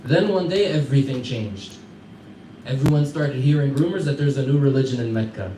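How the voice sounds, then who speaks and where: A man's voice: mid-range voice, a little fast. An American man giving a storytelling lesson to a class, talking conversationally, quizzing his listeners and chuckling through anecdotes. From United States. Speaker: teacher. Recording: echoey room, mic far off, faint background hum.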